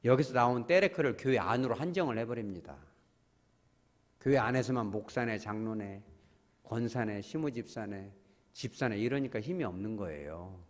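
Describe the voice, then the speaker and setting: A man preaching a Sunday sermon as pastor, speaking straight to his congregation and acting out quick bits of dialogue. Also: medium pitch. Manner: animated, acts out little quoted dialogues; calls on the congregation directly. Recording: long church-hall reverb.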